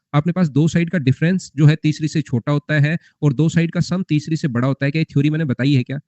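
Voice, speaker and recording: A man's voice: a little high, a little mellow, no echo. A young man teaching a math class live, repeating points and quizzing his students with rhetorical questions. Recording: muffled lo-fi recording.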